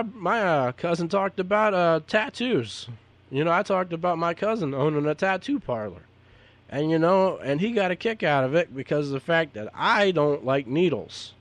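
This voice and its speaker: A man who is a podcaster and DJ, talking unscripted and giving advice to other podcasters in a rambling, repetitive, earnest way. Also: a little high. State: hiccups.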